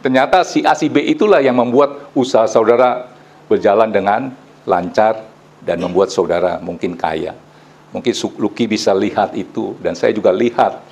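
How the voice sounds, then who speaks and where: Animated preaching man, slang. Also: fairly low pitch, normal speed. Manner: animated storytelling preaching with casual Jakarta slang. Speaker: pastor. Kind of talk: sermon.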